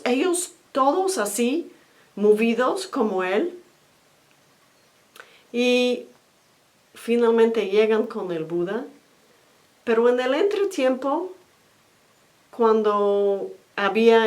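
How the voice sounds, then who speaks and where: A woman telling a story and explaining it, hesitant, with many fillers and restarts. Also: medium pitch. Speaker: storyteller and teacher. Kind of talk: spoken storytelling with commentary.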